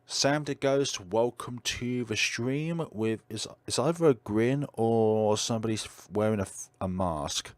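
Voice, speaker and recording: A man with a deep voice, chatting casually on a livestream with lots of fillers and a slight stutter. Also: unhurried, no echo. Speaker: streamer.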